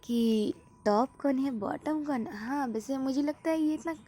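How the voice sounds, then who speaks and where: A woman's voice: sits high, measured pace, warm tone, a little hiss or hum. A woman voicing a chatty young man who teases his friend and reassures him, during a fan fiction reading. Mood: teasing. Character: teasing young man friend, amused and frank.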